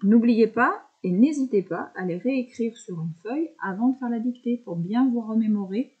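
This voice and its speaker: A woman teacher explains a handwriting lesson to young pupils, describing every stroke as she makes it. Her voice is mellow and soft-edged, patient and encouraging. The recording sounds a little dull and lo-fi. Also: a little high. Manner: slow step-by-step verbalizing, patient.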